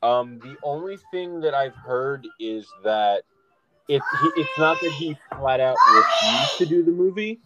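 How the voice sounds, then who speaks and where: A man's voice: a little high, animated, unhurried, lo-fi sound, very noisy. A man co-hosting a casual podcast about a movie, rambling with lots of ums and restarts. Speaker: podcast co-host. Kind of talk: casual movie-discussion chat.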